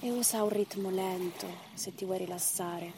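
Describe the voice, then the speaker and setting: A woman leading a guided breathing meditation as instructor, in short measured phrases and counts with pauses between them. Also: medium pitch, fairly even intonation, noisy background.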